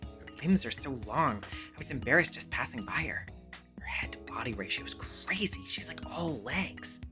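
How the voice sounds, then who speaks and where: A man voicing gossiping young schoolgirls in hushed, breathy whispers, as whispered role-play. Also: mid-range voice, expressive, normal speed, over music, lightly acted. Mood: gossipy.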